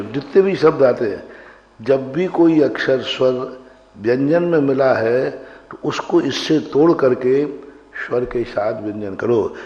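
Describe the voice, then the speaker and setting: A man who is a monk, teaching Sanskrit grammar to a class, asking questions and answering them himself while slowly spelling words out to model their pronunciation. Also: mid-range voice, darkish tone. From India. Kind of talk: classroom lecture. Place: large hall. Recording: echoey hall, dull lo-fi broadcast sound.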